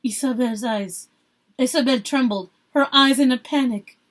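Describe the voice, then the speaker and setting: A woman teacher reads a story aloud with expression, her voice sitting high. She stops now and then to ask her young listeners questions and make asides.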